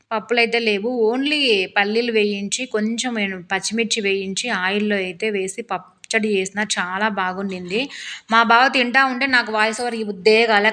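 A hoarse woman narrating her cooking vlog in a chatty, rambling voice-over. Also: medium pitch, sharp tone. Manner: rambling, talkative, complains with humor. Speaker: cooking vlogger.

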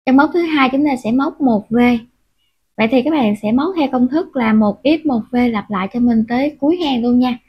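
A woman's voice: high-pitched, normal speed, breathy edge. A woman teaching a crochet tutorial step by step, patiently counting stitches aloud with frequent filler sounds. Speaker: crochet instructor. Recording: dull, muffled lo-fi audio.

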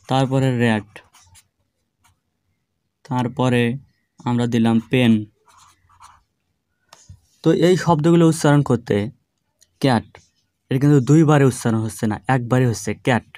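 Male tutor, mid-pitched, patient, explanatory, stretches words into syllables, dry close mic. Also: darkish tone, no room sound. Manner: slow, drawn-out syllable-by-syllable demonstrations; patient, explanatory classroom delivery. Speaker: English grammar teacher. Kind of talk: online grammar lesson.

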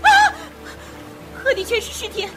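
In a Chinese audio drama, an actress voices a frightened young woman recounting ghostly horrors, her pitch very high and her speed normal. The mood is grim and alarmed, with dramatic music playing beneath her voice.

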